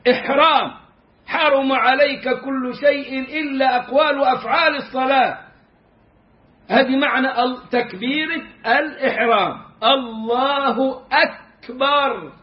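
Very high-voiced Egyptian teacher. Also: male voice, normal speed, roomy sound, lo-fi sound. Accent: Egyptian Arabic. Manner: humorous, demonstrative, drawing out words to teach pronunciation. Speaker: Islamic jurisprudence teacher. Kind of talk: religious lesson.

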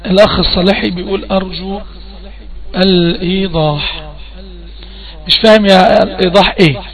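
High-voiced Egyptian man teaching. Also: steady tone, brisk, creaky. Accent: Egyptian Arabic. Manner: quizzing, repeats questions to prompt answers. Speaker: Quran recitation teacher. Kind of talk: online class teaching.

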